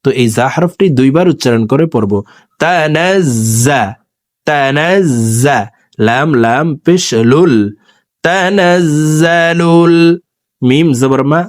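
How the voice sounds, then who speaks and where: Guy teaching recitation, slow chanting, slightly high voice, dry close sound. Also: no room sound. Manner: slow drawn-out chanting between brisk explanations; addresses viewers directly. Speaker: Quran reading teacher. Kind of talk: spelling-out recitation lesson.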